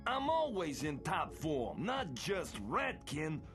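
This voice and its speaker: An actor voicing a cocky, chummy rat mobster in a video game, with an Italian-American accent and a slick, boastful drawl. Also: male voice, fairly high pitch, huge pitch swings, slow, fairly bright tone, soft background music, full character voice. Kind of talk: video game character acting.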